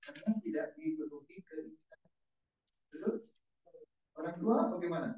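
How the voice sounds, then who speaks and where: A man's voice: a little high, sing-song, moderate pace, darkish tone. Distant echoey pastor quizzing his congregation. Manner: casual, keeps quizzing the congregation. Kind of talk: interactive sermon. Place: church service. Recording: echoey church hall, distant dull mic.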